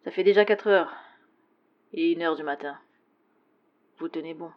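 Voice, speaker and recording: A woman voicing a calm, stern man giving orders over the phone in a story reading. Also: sits low, normal speed, muffled recording, lightly acted. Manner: firm, clipped, stern.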